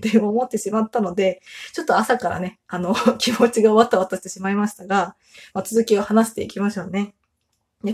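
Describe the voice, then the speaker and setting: Brief: breathy-voiced woman in her 30s, mom hosting a solo podcast, chatty and animated, laughs a lot. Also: medium pitch. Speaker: podcast host. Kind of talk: casual solo chat.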